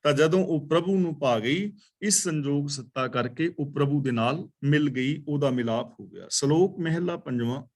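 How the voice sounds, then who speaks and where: A man leads a daily scripture class. He chants each verse slowly and then explains it word by word in a teaching tone. His voice sits a little high for a man.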